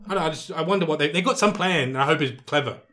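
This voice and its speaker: A man with a northern English accent in casual chat, animated and opinionated as he hosts the talk. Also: a little high, racing. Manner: animated, opinionated, laughs often.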